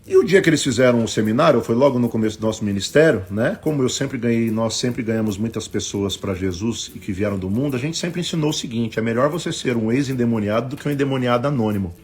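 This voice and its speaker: A man with a Brazilian Portuguese accent, a bishop preaching a sermon on a live stream, telling stories and acting out the voices in them, swinging between loud bursts and hushed asides. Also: mid-range voice, quick pace, few pauses. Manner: acts out quoted voices in his stories.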